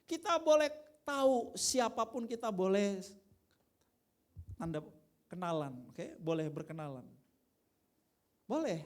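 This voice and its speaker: A man from Indonesia preaching a sermon to his congregation. He talks in a relaxed, chatty way, often speaking softly before suddenly pushing his voice up and out to stress a point. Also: high-pitched, slow pace, pauses often. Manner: casual, conversational preaching with sudden loud emphatic bursts and quiet asides. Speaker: pastor. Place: church worship service.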